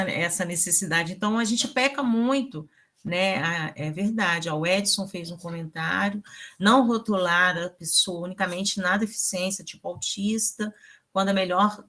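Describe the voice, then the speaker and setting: A woman teacher with a Brazilian Portuguese accent hosting an online talk, telling stories in a lively, animated way. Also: medium pitch, normal speed. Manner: animated storyteller, voices quoted people. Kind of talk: casual conversational talk.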